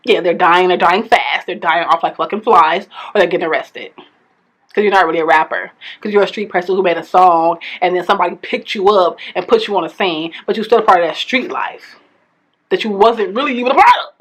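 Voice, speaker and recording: A woman's voice: lowish voice, brisk. Blunt, outspoken woman vlogger. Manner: blunt, outspoken, swears freely; eating while talking. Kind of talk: casual opinionated chat. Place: home in Minnesota.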